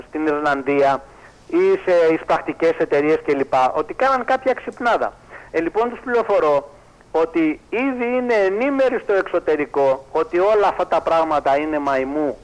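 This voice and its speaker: A man with a notably high voice holds forth as a radio guest. He talks in an emphatic, indignant way and breaks into mocking impressions of ad voices to make his point. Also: low-quality recording. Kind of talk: radio talk show discussion.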